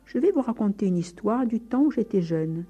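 A woman voicing a calm, sly old village priest who plays deaf and answers evasively, her voice husky and raised. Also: medium pitch, highs cut off, faint music behind, pitched above the performer's own voice. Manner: unhurried, evasive, mildly teasing.

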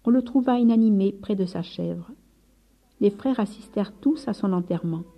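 A woman narrating a read-aloud story in measured tones, at times dropping to near whispers. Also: medium pitch, gravelly, muffled recording.

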